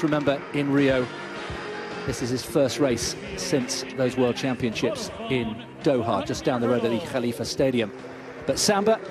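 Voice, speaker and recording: A man calls an athletics race live, first introducing the runners and then breaking into excited shouts as it unfolds. His voice is a little high.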